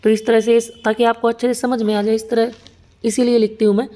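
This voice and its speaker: A young woman teaches Hindi grammar for exam preparation, walking through each example step by step and checking often that students follow. Her voice sits a little high but sounds soft and mellow rather than bright. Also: level tone, fast. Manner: patient, explains step by step with repeated checks. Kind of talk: exam-prep lesson at a whiteboard.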